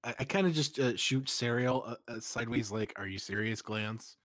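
A man playing a tabletop game, describing his character's moves with a wry, deadpan edge. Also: medium pitch, moderate pace, no room sound, studio quality. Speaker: player. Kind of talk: casual tabletop banter.

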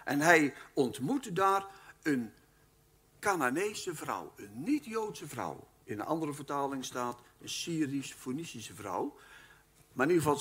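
A man giving a Bible teaching lecture at a live event, speaking in an animated, emphatic way and addressing his listeners formally. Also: on the high side, slightly rough. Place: live talk at a weekend event.

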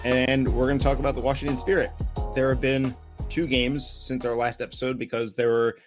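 A man's voice: medium pitch, little pitch movement, a little fast, music in the background. A young man co-hosting a casual sports podcast, rambling and wry, often correcting himself mid-sentence. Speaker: podcast co-host.

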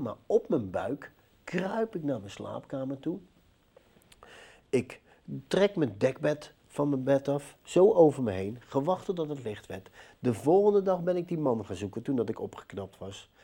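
Guy telling his life story in an interview, deep mellow voice, acts out all the back and forth. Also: breathy edge. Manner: lively storyteller who acts out dialogue. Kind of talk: personal testimony in conversation.

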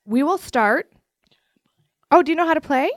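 A woman's voice: high-pitched, animated, normal speed, dry recording, clean studio sound. A woman co-hosting a podcast, telling stories and running a quiz game with lots of laughing. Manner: giggly, storytelling. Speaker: podcast co-host, game runner. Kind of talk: casual chat.

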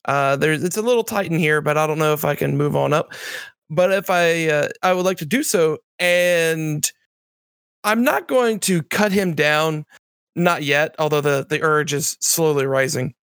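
A man's voice: a little high, normal speed, a bit bright, clear, resonant tone, dry recording, studio quality. A man playing in a tabletop role-playing session, thinking aloud about his moves with frequent fillers. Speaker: player.

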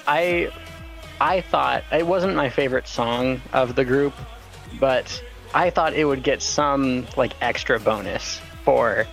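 A man's voice: mid-range voice, gravelly, fairly bright tone, poor audio. A man in a casual chat, musing hesitantly and with amusement about the results. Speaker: podcast co-host.

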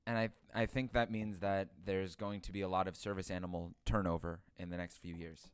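Deadpan man with a smooth, dry voice. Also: sits low, brisk, dry recording. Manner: deadpan punning. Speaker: podcast co-host and editor. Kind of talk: casual pun banter. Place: dining room.

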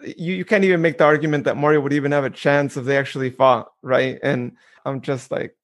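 A man's voice: medium pitch, steady tone, brisk. A man co-hosting a casual podcast, talking in a rambling way with lots of fillers. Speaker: podcast co-host.

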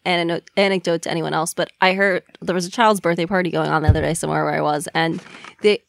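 A woman's voice: on the low side, fairly even intonation, fast talker, gravelly, no room sound. A woman co-hosting a podcast in casual comedic chat, an easygoing storyteller who laughs along, on a studio microphone. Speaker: podcast co-host.

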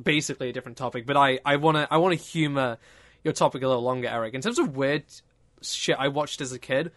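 A man hosts a casual podcast, rambling, joking and often restarting his sentences as he interrupts himself. His voice is fairly high in pitch with a fairly bright tone.

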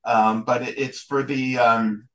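A man being interviewed as a guest photographer and historian, talking casually in a rambling, halting way with many restarts. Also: mid-range voice, little pitch movement, a bit bright, low-quality recording.

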